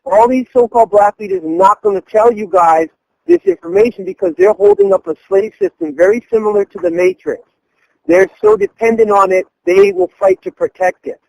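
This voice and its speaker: A man's voice: extremely high pitch, big pitch swings, a little fast, gravelly, a little mellow, no room sound, low-quality recording. A man hosting a weekly call-in discussion, talking emphatically and listing his points like a preacher. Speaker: host of a weekly call-in address.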